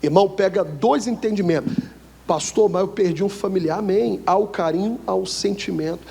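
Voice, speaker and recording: A man with a Brazilian Portuguese accent preaching a sermon, asking the church questions and swinging from loud high lines to low quiet ones. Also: fairly quick, gravelly, breathy edge. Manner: asks the church questions for them to answer. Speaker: pastor. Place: church hall. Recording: long reverb of a church hall.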